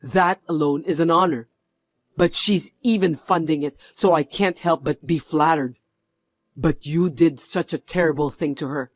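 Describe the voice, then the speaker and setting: A man's voice: on the high side, moderate pace, dry recording, natural voice. A man playing a stern company executive who scolds his mother with a firm manner in a dubbed drama.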